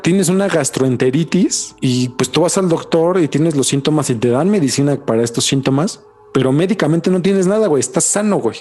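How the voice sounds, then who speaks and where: A podcast host with a Mexican Spanish accent chats casually, full of slang and swearing and saying "güey" constantly. His voice is fairly high-pitched with a darkish tone.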